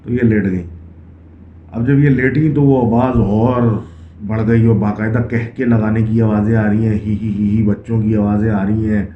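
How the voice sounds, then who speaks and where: A man's voice: lowish voice, fairly even intonation. Man telling ghost stories, tinny and echoey. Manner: conversational, mixes English phrases into Urdu. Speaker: story narrator. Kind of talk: casual horror storytelling. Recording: echoey, tinny phone-like sound with faint hiss.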